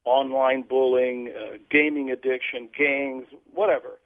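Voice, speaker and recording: A man's voice: medium pitch, level tone, unhurried, dry recording. A man from Portugal, a guest explaining his ministry earnestly in a radio interview. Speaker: guest, children's ministry leader. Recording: tinny phone line.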